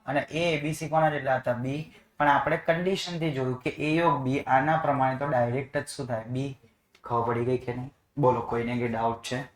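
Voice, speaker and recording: A man's voice: mid-range voice, steady tone, moderate pace, reverberant. A man teaching math to a class, coaxing students with repeated questions. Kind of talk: classroom lesson.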